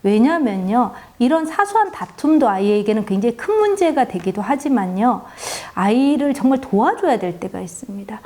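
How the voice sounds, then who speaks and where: A woman and mother gives a reflective talk on raising children, speaking earnestly and confessionally and gently stressing the ends of her phrases. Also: fairly high pitch, lively intonation, moderate pace, hardly any pauses. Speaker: parenting educator and mother.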